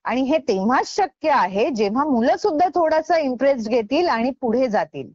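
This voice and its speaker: A woman's voice: sits high, very animated, normal speed, a little mellow, no echo. A woman hosting an educational radio program, explaining in a scripted chat with her co-host. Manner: explanatory, addresses co-host by name. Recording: dull dry studio sound.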